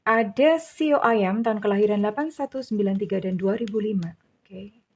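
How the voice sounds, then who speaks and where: A middle-aged woman reads tarot cards in a casual, chatty manner, teasing and laughing as she goes. Her voice is medium in pitch and moves at a normal speed.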